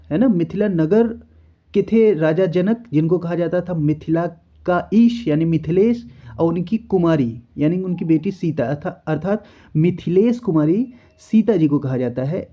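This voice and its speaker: A man teaching an exam-prep spelling lesson, explaining step by step and often checking in with the learner. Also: high voice. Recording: dull lo-fi recording.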